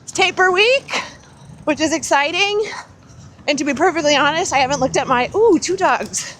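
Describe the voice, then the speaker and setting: A high-pitched American woman talks casually while out running, animated as she recounts small stories. She is recorded outdoors with faint noise behind her. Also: moderate pace. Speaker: host of a running chat. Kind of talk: casual chat. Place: outdoors on city streets.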